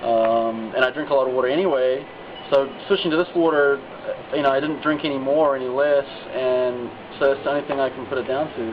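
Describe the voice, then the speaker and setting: A man talks casually, filling his speech with you know and like. The recording is dull and noisy, with clear ambient sound behind him. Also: medium pitch, fairly even intonation, a little fast. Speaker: customer giving a testimonial. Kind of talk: unscripted testimonial.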